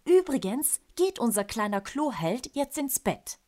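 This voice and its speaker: A woman's voice: very animated, a little slow. A woman doing a scolding storybook aunt. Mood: stern. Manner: stern, sharp high scolding. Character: scolding but fond aunt.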